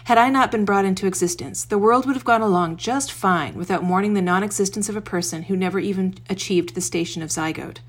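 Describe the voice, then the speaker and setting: A woman's voice: mid-range voice, quick pace, hardly any pauses. A woman blogger with a wry, self-deprecating manner, speaking her own blog post as a homemade audio recording under a blanket in her bedroom. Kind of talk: reading own blog post aloud, then informal remarks.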